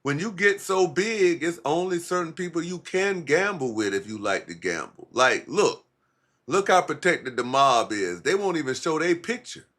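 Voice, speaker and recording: A man's voice: on the high side, sing-song, moderate pace, a bit bright. A man hosting a casual, profane livestream, rambling in a laid-back stoner way with heavy slang and swearing. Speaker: livestream host.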